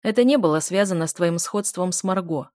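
A woman voicing a calm, possessive man who speaks in a level, unruffled way. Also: lowish voice, a little fast, no room sound, studio quality, lightly acted. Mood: firm. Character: calm possessive adult man, firm lover.

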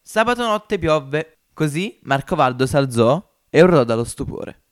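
A man narrating a story in an amateur audiobook podcast, in a measured, expressive reading. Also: a little high.

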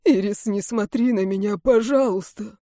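A woman's voice: mid-range voice, normal speed, mellow, dry recording, clean studio sound, close to an everyday voice. A woman voicing a weak, ashamed old man in an audiobook, speaking faintly and pleadingly.

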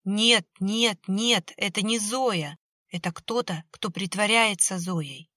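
Woman doing a shaken, hushed man. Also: medium pitch, slow pace, no echo, studio quality. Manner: hushed, shaky. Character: shaken young man, trembling but steadying.

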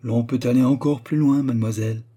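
Mellow, husky male audiobook narrator. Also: medium pitch, fairly even intonation, a little fast.

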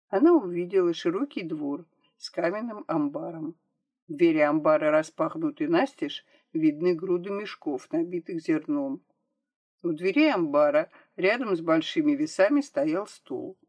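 A woman narrating an audiobook with a measured, expressive reading. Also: deep voice.

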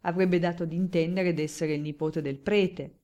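A wary young baron who gives short, dry, evasive answers, as a woman reading the novel speaks for him. The voice is low for a woman and close to her plain reading tone. The delivery stays reserved and clipped, an audiobook character. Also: fairly even intonation, measured pace, dark tone, dull audio, close to an everyday voice. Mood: guarded. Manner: terse and dryly evasive. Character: guarded young male baron, evasive and wry.

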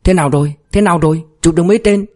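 Man doing brash young male cadet, eager, blurting, pitched up, faint music behind. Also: lively intonation, fast. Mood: excited.

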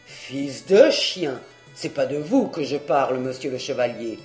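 A woman voicing a boisterous, tipsy peasant man in an audiobook, exclaiming loudly in rustic speech. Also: very deep voice, animated, unhurried, reverberant, soft background music, pitched below the performer's own voice. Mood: hearty. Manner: loud exclaiming rustic talk. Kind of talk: audiobook character reading.

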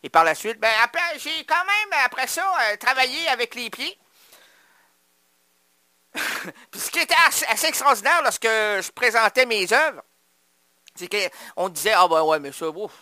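A man voicing a male sculptor who lost the use of his fingers and now works with his feet, telling it in a halting, self-mocking ramble. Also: extremely high pitch, very animated, pushed and bright, dry recording, exaggerated voice. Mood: rueful.

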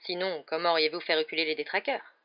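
A gentle, weary male teacher in a storybook reading, as the narrator gives him voice. He speaks calmly and quietly, each sentence measured. The sound is slightly dull and lo-fi. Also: mid-range voice, close to an everyday voice. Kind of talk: audiobook character voice.

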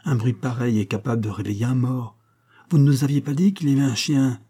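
A man voicing a short-tempered rioter leader in an audiobook, gruff and cursing. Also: mid-range voice, a little fast, warm tone, natural voice. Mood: angry.

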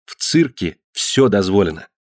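A man's voice: sits low, big pitch swings, normal speed, no echo, studio quality. A man reading aloud, voicing a cheerful, good-humoured young circus performer. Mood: amused.

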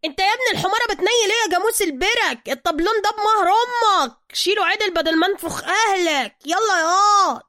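A woman voicing a loud, hot-tempered male master mechanic who shouts and boasts in Egyptian Arabic. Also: high voice, quick pace, no echo, studio quality, voice pushed up. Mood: furious.

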